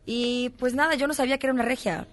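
Chatty actress from Mexico City. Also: female voice, sits high. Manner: animated, laughing, quick storytelling. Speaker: actress guest. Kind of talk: casual interview chat.

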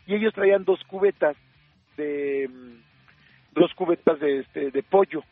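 A man with a Mexican accent, a radio host telling an anecdote in a lively way, full of fillers and acted-out quotes. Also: a little high, measured pace, no echo. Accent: Mexican Spanish. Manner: lively storyteller acting out quoted dialogue, many fillers. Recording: narrow phone-like sound, faint music.

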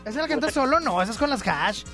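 A man's voice: very high voice, lively intonation, fast, over music. A man hosting a casual radio call-in show, playful and joking with callers. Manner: playful, joking, laughs often. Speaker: radio host taking call-ins.

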